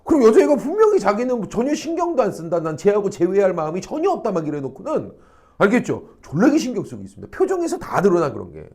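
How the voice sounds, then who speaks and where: A middle-aged man teaching high school social studies, lecturing in a lively way, acting out quoted people and checking in often with rhetorical questions. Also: fast talker. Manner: animated, acts out quoted people, frequent rhetorical check-ins, salty slang. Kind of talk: classroom lecture. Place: academy classroom.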